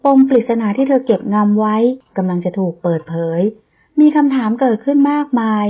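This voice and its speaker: A woman narrating a romance audiobook in a slow, emotive reading style. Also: medium pitch, expressive, breathy edge, lo-fi sound.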